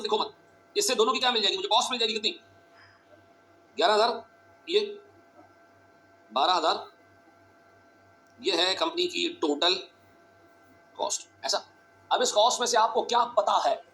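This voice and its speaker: Quick high-voiced man teaching a class, keeps repeating stuff and quizzing, faint hiss behind. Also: a bit bright. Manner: fast, urgent, repeats phrases, quizzes students. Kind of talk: classroom lecture.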